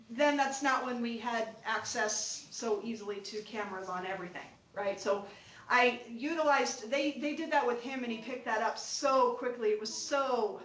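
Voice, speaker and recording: A young woman teaching a college class in a relaxed, chatty way, often breaking into laughter and restarting her sentences. Her voice sits a little high and comes from some distance in an echoey room, with faint noise behind her. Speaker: college instructor. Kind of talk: informal classroom lecture. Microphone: distant room mic.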